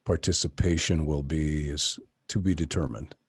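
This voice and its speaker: A middle-aged man talking casually as an interview guest, pausing often with fillers and restarts. His voice is low and husky. The sound is dry and close. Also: dry recording. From Tucson, Arizona area. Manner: relaxed, hesitant, many fillers and restarts. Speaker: voice actor guest.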